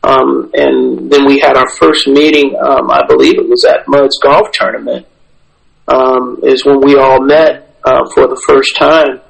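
Man, 60s, reflective interviewee: halting delivery, fry in the voice, mid pitch. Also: little pitch movement, low-quality recording. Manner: halting, hesitant, many pauses and repeats. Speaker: former professional baseball pitcher.

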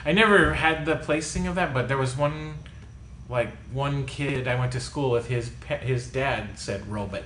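A man hosting a casual podcast, laid-back and quick to laugh. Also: mid-range voice, fairly bright tone. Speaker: podcast host. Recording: echoey room with crowd noise.

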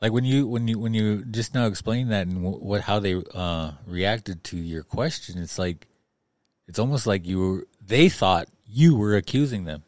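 A man hosting a podcast in casual discussion, thinking aloud in a halting, conversational way. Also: lowish voice, a little mellow, no room sound. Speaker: podcast host running the playback.

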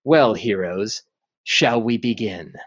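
A man's voice: lowish voice, lively intonation, slow pace, dull audio, voice pushed down. A man voicing a proud, taunting dragon queen in human form for a tabletop game, composed and regal.

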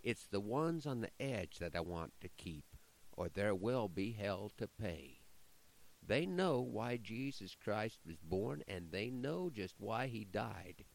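A man voicing Satan as a scheming boss of demons in a recited poem, with a slow drawl. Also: lowish voice, creaky, exaggerated voice, low-quality recording. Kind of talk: recited cowboy-style poem.

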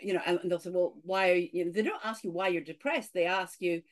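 A woman's voice: on the low side, quick pace. Scottish woman telling her story. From Scotland. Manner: animated storytelling with frequent "you know". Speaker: guest. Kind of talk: casual interview talk.

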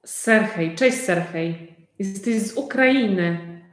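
Woman teacher, very slow, simple repeated questions, echoey room. For a language-class host. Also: mid-range voice. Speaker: Polish conversation teacher. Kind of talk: live online conversation class.

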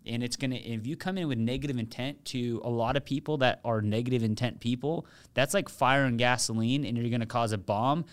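A man's voice: mid-range voice, smooth. A man hosting his own podcast, talking earnestly and directly to his listeners in a motivational solo talk. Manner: earnest, direct, addresses listeners as "you guys". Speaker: podcast host.

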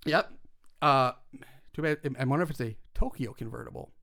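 A man's voice: mid-range voice, brisk, creaky, bright, forceful tone. A man co-hosting a casual podcast, recapping a movie scene by scene, chatty and swearing, with frequent laughs.

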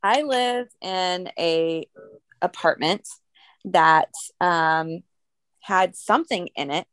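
A woman's voice: lowish voice, slow, fairly bright tone, clean tone, no echo. A young adult woman co-hosting a podcast, telling stories in a chatty way with fillers and laughs. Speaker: podcast co-host. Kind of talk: casual chat.

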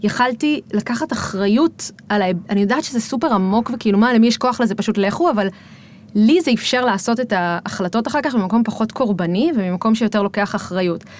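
A woman guest on a podcast, talking casually and reflectively, with many fillers as she thinks aloud. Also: fairly high pitch.

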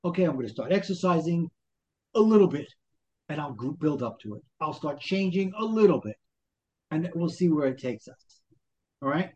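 Male life coach, Brooklyn accent, fairly high pitch, motivational and full of rhetorical questions, lo-fi interview sound. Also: very animated, moderate pace, darkish tone. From Brooklyn, New York. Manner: motivational, talks in rhetorical questions and acted-out self-talk. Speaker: life coach, podcast guest. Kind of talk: conversational interview explanation.

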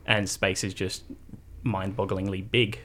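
A man's voice: deep voice, level tone, measured pace, a bit bright. Man chatting casually as a science guest. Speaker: museum representative, radio guest. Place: radio studio.

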